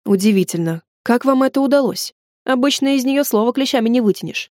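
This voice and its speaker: A charming father, played by a woman narrating talks in a lively, easy way to his daughter. The read is close and dry, the voice still fairly high. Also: fairly quick, dry recording, natural voice. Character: charming father with low husky voice.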